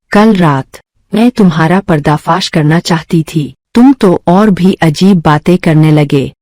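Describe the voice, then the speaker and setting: A woman's voice: sits low, a little mellow, dry recording. A woman voicing a scornful young woman. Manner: scornful, scolding. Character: sharp-tongued skeptical young woman. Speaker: dub voice actress. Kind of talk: Hindi dub of drama.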